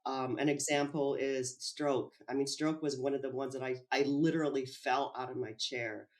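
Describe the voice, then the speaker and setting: A woman speaking as an interview guest, recounting her experience in a lively, animated way. She acts out conversations as she tells them and laughs easily. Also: a bass voice, moderate pace. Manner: animated, acts out quoted dialogue, laughs often. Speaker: whistleblower guest. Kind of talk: interview storytelling.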